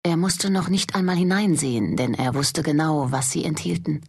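A woman reading a fantasy novel aloud as an audiobook, in measured storytelling narration. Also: sits low, vocal fry, darkish tone, slightly rough. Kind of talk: scripted narration.

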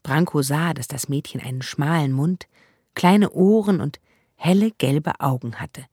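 A narrator reading a children's story in a calm, even storytelling manner. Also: mid-range voice, measured pace, slightly rough, no room sound, clean studio sound. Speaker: audiobook narrator.

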